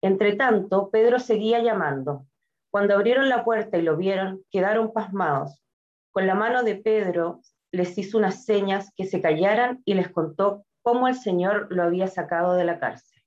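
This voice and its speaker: A woman's voice: mid-range voice, normal speed, darkish tone. Woman reading scripture, muffled sound. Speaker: scripture reader.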